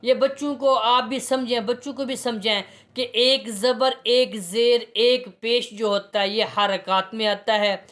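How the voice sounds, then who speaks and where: A man teaching a reading lesson, spelling letters and vowel marks out slowly and patiently, often asking a question and answering it himself. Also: extremely high pitch, steady tone, a bit bright.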